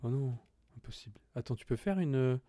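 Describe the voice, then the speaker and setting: A man's voice: medium pitch, lively intonation, a little fast, warm tone, no room sound. A man giving casual, swearing commentary while playing a video game, thinking aloud and praising himself. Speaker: gaming YouTuber. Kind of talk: casual let's-play commentary.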